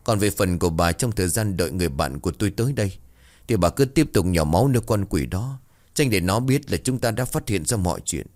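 A man's voice: deep voice, expressive, a little fast, a little mellow. A man voicing an ailing old man in a wheelchair, the stern, commanding head of the household. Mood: grave.

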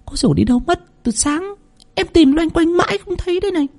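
A man's voice: very high-pitched, expressive, a little fast, darkish tone, voice pushed up. A man voicing a timid young female servant who stammers breathlessly in a spoken ghost story. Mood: panicked stammering.

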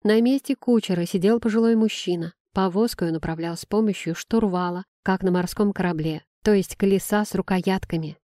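Mellow-voiced woman narrating an audiobook. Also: mid-range voice, no room sound, clean studio sound. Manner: measured, expressive storytelling. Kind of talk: first-person fantasy audiobook narration.

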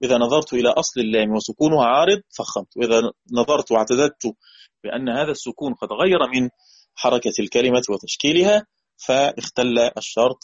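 A man's voice: mid-range voice, quick pace. A man with an Egyptian accent teaching Quran recitation rules in a classroom lecture, who questions the students and repeats and chants the example words. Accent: Egyptian Arabic. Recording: dull lo-fi recording.

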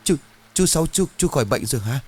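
A man voicing a desperate middle-aged woman who begs for help in a high, tearful voice. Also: expressive, normal speed, slight background noise, close to an everyday voice. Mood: pleading tearful. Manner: tearful, pleading, high-pitched.

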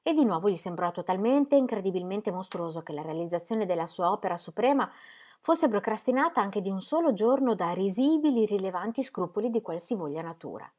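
Woman narrator, expressive dramatic audiobook reading, mid pitch. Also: a little fast. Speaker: audiobook reader.

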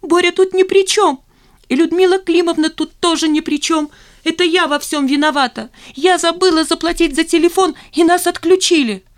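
A woman's voice: extremely high pitch, fairly even intonation, normal speed, voice pushed up. A woman voicing a hysterical, tearful young office worker who shrieks and sobs. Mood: shrieking hysterical. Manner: shrieking, sobbing. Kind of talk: audiobook character voice.

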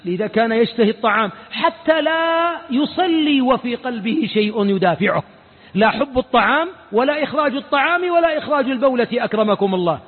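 A Saudi sheikh with a strikingly high, husky voice delivers an informal mosque lesson. He fires rhetorical questions and mimics the people he quotes. The sound is thin and phone-like, with a long hall reverb trailing each phrase. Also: lively intonation, a little fast. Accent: Saudi Arabic. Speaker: sheikh giving a religious lesson.

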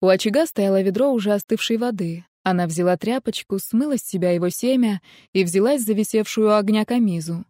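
A woman narrating a romance novel as an audiobook, in even, steady storytelling. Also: mid-range voice, brisk, hardly any pauses, no echo, clean studio sound.

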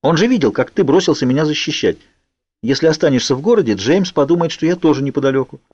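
A man voicing a stubborn, quick-witted teenage girl in a persuasive, pleading manner, on a dull lo-fi audiobook recording. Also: fairly high pitch, lively intonation, darkish tone, slightly rough, dry recording, voice pushed up. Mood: indignant.

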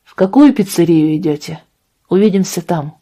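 A woman's voice: on the low side, normal speed, dark tone, close to an everyday voice. A woman doing a stern, curt father. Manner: cold and curt. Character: stern estranged father, middle-aged man.

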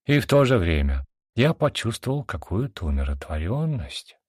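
A man's voice: on the low side, sing-song, moderate pace, darkish tone, slightly rough, dry recording, studio quality. A man narrating a fantasy audiobook with dramatic storytelling.

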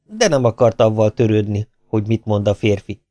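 A man reading a novel aloud as an audiobook narrator, with an expressive delivery. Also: fairly low pitch, no echo. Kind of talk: scripted narration.

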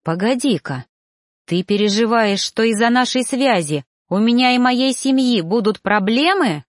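A woman's voice: a little high, lively intonation, normal speed, dry recording, clean studio sound, close to an everyday voice. A woman doing an insistent lovesick male reaper. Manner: growling, insistent.

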